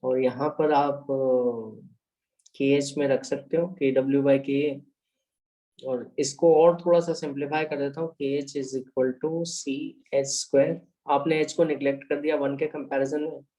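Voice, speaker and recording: A man's voice: medium pitch, steady tone, unhurried, dark tone, low-quality recording. A man with an Indian accent teaching a chemistry lecture, explaining step by step and mixing English phrases into Hindi while checking in with students. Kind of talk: online lecture explaining equations.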